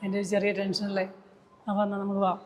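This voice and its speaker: A woman's voice: medium pitch, monotone, fast, over a noisy crowd. Chatty middle-aged woman vlogging. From Kerala, India. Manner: chatty, explains as she walks around. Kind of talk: casual vlog narration. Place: TV studio and makeup rooms.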